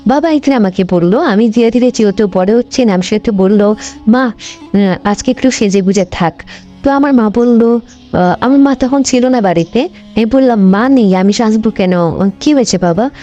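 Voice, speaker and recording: A woman telling a first-person life story, hesitant, with many fillers and restarts. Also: a little high. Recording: dull lo-fi voice over background music. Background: soft background music.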